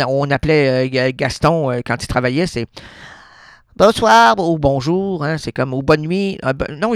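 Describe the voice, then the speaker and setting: A man with a Québécois accent hosts a freewheeling radio monologue from a studio mic. His voice sits a bit high with a gravelly fry, and the sound is close and dry. He rambles, plays with words and keeps correcting himself. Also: dry recording. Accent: Québécois French. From Quebec. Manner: rambling, playful wordplay, frequent self-corrections. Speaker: radio host.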